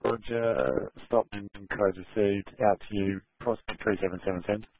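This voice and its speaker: A man's voice: on the low side, fairly even intonation, normal speed. A man working as a fire service radio dispatcher, heard over a two-way radio and using terse, formal call-and-acknowledge phrasing. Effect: two-way radio transmission. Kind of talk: clipped radio dispatch procedure. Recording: dull, dry two-way radio audio.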